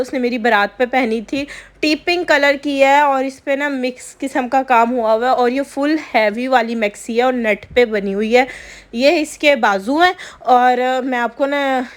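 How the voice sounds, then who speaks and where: A young woman chatting casually in a home vlog while recovering from a sore throat after a flu. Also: sits high. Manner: chatty, confiding, drawn-out complaints. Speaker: vlogger.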